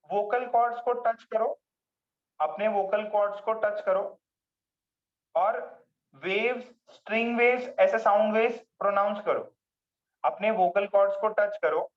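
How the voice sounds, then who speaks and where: Brief: male physics teacher, lecture, asks and answers his own questions, muffled lo-fi recording. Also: high-pitched. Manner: asks the class questions and answers them himself, repeating key words. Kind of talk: classroom lecture in mixed Hindi and English.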